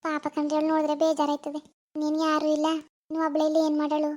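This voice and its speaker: A woman's voice: high-pitched, monotone, fast talker, mellow, lightly acted. A woman voicing a firm, caring middle-aged village woman in a cartoon, consoling and persuading. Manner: firm, consoling, a little bossy. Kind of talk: cartoon voice acting.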